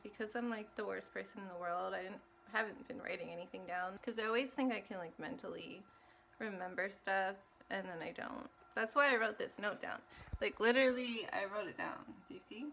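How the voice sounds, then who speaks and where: A woman's voice: mid-range voice, a little fast, creaky, fairly bright tone, slight background noise. A young woman vlogger talking casually to camera, rambling and self-mocking, often laughing at herself.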